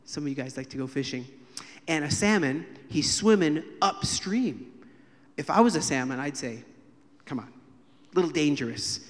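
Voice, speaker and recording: Animated male preacher in a reverberant church. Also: fairly high pitch, normal speed, long pauses. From United States. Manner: animated, acts out quoted voices and jokes with the congregation. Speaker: guest preacher. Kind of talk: sermon with storytelling. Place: church sanctuary during a live service. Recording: long hall reverb in church.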